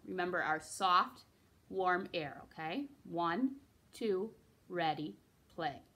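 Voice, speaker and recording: Bright-voiced woman teaching recorder. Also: medium pitch. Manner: patient, encouraging, counts students in. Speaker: music teacher. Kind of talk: recorder lesson for children.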